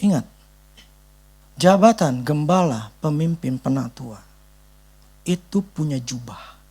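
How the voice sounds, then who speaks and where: A man's voice: on the high side, expressive, slow pace, mellow, breathy edge. A male pastor preaching a sermon in an emphatic, conversational way, leaning on casual tags. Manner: emphatic, conversational, repeats "gitu loh".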